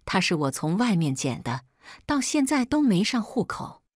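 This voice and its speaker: A woman voicing an angry rural father who shouts threats, read in a story. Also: mid-range voice, very animated, moderate pace, no echo, studio quality. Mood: defiant.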